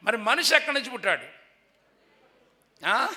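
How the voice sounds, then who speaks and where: A male preacher with a very high, piercingly bright voice leads a revival sermon. He repeats his questions and urges the congregation to shout the answers back. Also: very animated, moderate pace. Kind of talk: sermon with call-and-response. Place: church revival meeting.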